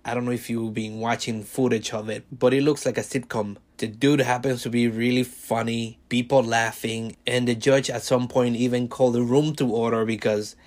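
A man in his thirties hosts a solo podcast in a relaxed, rambling style. He jokes at his own expense and keeps the tone loose and conversational, with a mid-range pitch. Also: normal speed, hardly any pauses. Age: 30s. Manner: joking, self-deprecating, rambling. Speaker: podcast host. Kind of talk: casual solo podcast monologue.

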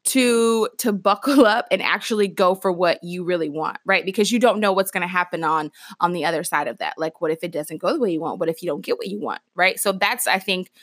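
A woman's voice: on the low side, brisk, hardly any pauses, a bit bright, dry recording. Casual woman podcast host, dry sound. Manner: conversational, reflective, many fillers and restarts. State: morning voice, clearing her throat. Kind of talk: casual solo podcast talk.

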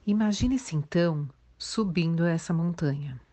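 A Brazilian woman leading a guided meditation in a soothing, gentle way, leaving long pauses. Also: on the low side. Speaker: guided meditation instructor for children and teenagers.

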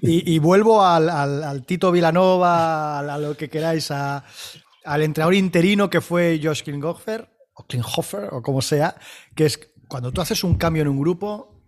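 A man argues his point with emphatic enthusiasm. His voice sits a little high, and he often circles back to repeat his words. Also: normal speed. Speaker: panelist. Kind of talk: casual music debate.

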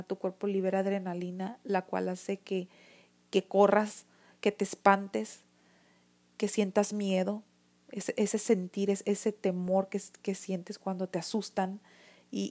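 A woman vlogger with a Mexican accent and a medium-pitched, dark-toned voice gives personal testimony to camera. She sounds earnest and emotional, repeatedly restarting sentences and filling gaps with "o sea."

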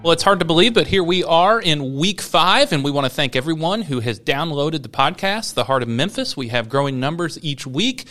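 A man's voice: a little high, lively intonation, a little fast, few pauses, sharp tone, soft background music. A man from Southeast Iowa hosting a podcast, opening with friendly, scripted-sounding introductions before interviewing his guest. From Southeast Iowa, USA. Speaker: podcast host.

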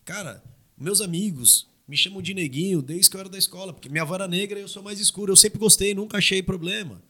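A man with a bright, slightly high voice, chatting on a podcast into a studio mic. He gets animated as he argues, his voice climbing when he presses a point. It is relaxed, loose conversation. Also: quick pace. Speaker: podcast host. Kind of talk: casual podcast chat. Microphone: studio microphone.

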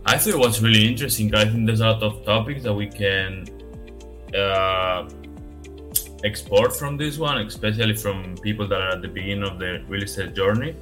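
Deep, bright-voiced man co-hosting. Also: moderate pace, faint music behind. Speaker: podcast co-host. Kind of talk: casual podcast chat.

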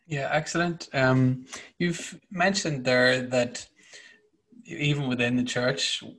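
A man hosting an interview, with a mid-pitched voice. He builds his questions slowly, pausing and filling the gaps. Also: steady tone, fairly bright tone. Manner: halting, careful questions with fillers.

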